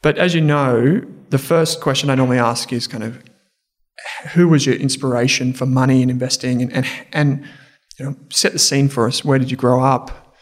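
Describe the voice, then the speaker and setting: A man's voice: medium pitch, steady tone, moderate pace. A man hosting an investing podcast interview, talking in a casual, chatty way with restarts. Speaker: podcast host.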